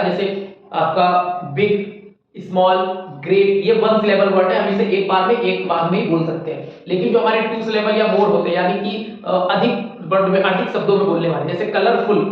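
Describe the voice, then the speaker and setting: Male tutor, high voice, slow dictation; distant, muffled mic in a very echoey room. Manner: addresses students as children, slow dictation of examples. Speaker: English teacher. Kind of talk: classroom grammar lesson.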